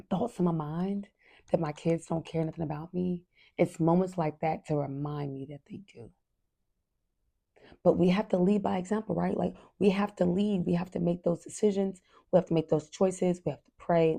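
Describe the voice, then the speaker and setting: Gravelly low-voiced woman hosting a podcast. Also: warm tone. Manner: earnest, candid, addresses listeners directly. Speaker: podcast host. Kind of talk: casual podcast monologue.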